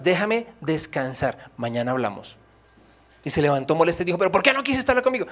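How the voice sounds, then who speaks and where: A man preaching a sermon as pastor, emphatic, with dramatic pauses and acted-out quotes. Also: sits high.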